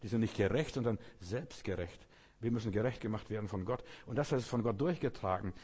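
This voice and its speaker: A man's voice: lowish voice, a little fast, darkish tone, slightly rough. A man preaching an informal sermon in a folksy way, talking straight to the listener and repeating his phrases. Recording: long reverb, as in a hall.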